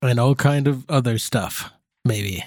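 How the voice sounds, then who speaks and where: Podcast co-host, male, middle-aged, coughy, slow hesitant delivery with dry humour, close dry sound. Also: medium pitch, dry recording. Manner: halting, hesitant, dryly humorous. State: has a persistent cough. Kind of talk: casual chat.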